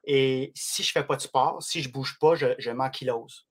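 A man in his late twenties with a Québécois French accent, telling stories in a casual chat as a podcast guest, rushing through them with lots of restarts. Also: mid-range voice, husky. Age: late 20s. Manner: rapid, animated storytelling with frequent restarts.

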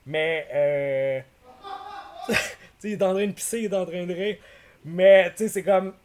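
A man in his thirties with a Québécois accent, a podcast guest who rambles through animated stories and mixes in English slang. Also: high voice, moderate pace, slight background noise. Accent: Québécois French. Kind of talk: casual podcast chat.

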